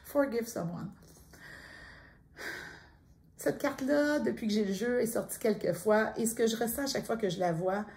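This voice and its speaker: A middle-aged woman with a Quebec French accent giving a gentle, intimate spiritual card reading, speaking straight to the listener. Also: fairly high pitch, fast, gravelly, hardly any pauses. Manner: soft-spoken, intimate, addresses listener directly. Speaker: tarot card reader.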